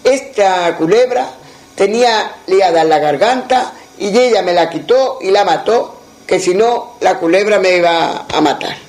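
A man with a Moroccan Judeo-Spanish accent voicing a gentle young princess in a folk tale, earnest and pleading. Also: high-pitched, animated, a little slow, reverberant.

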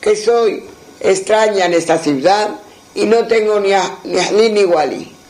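A man with a Moroccan Judeo-Spanish accent voicing a humble young woman alone in a strange city, pleading softly. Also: high-pitched, unhurried, rough recording.

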